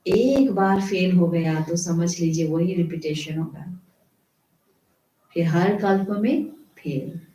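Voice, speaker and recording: A woman gives a devotional sermon at an unhurried, measured pace, stopping to ask and answer her own questions. Her voice is low and mellow. The room around her is echoey. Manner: slow, explanatory preaching with rhetorical questions. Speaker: spiritual teacher. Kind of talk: devotional murli reading with commentary.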